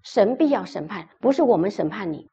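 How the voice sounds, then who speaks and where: A woman's voice: medium pitch, lively intonation, a little fast, gravelly, dark tone, husky, lo-fi sound. A woman pastor preaching a sermon, telling a story with emphatic, repeated phrases.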